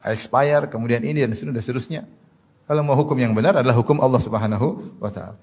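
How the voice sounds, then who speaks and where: A man preaching a sermon, reciting Arabic verses and mocking the views he argues against in an animated way. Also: mid-range voice, fast. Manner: animated, mocking imitations of opponents.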